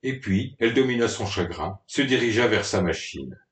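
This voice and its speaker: Man, storybook narration, fairly low voice, echoey room, far from the mic. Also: lively intonation, normal speed. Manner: dramatic, mock-melodramatic reading. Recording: roomy, distant from the mic.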